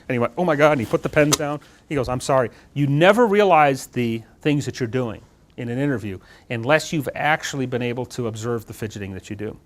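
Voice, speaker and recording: A middle-aged man giving a lively talk on job interviews to a room of students, often turning to ask them questions. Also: mid-range voice, a little fast. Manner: animated, talks with his hands, asks the audience questions. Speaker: guest speaker on job interviews. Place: lecture room with student audience.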